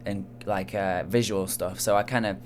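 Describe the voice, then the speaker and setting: A man's voice: deep voice, fairly even intonation, normal speed, slight background noise. A young man with a Manchester accent, a soul singer talking in a casual interview, hesitant and full of fillers. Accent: Manchester English. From England. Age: young adult. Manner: soft-spoken, hesitant, lots of fillers.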